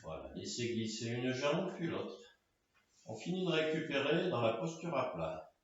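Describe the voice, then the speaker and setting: A man leading a guided floor-exercise session, giving calm, directive cues in short phrases. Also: mid-range voice, moderate pace. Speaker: karate and fitness instructor. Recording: echoey room, distant mic, dull sound.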